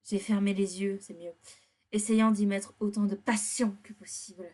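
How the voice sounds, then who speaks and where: A woman with an average-pitched voice reads visual-novel text aloud as she plays. She breaks off from the narration for blunt, slangy remarks. Her delivery is casual and teasing, like chatting with friends over a game. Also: level tone, moderate pace, darkish tone. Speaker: co-host reading a dating game aloud and reacting.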